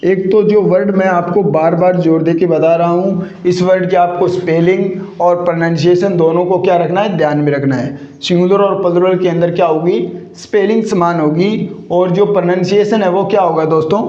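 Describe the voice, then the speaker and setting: A male English grammar teacher lectures at a rather high pitch. He keeps asking rhetorical questions and repeating the answers, drilling every point. The recording is muffled and echoey. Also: steady tone, normal speed, few pauses, warm tone. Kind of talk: classroom lecture.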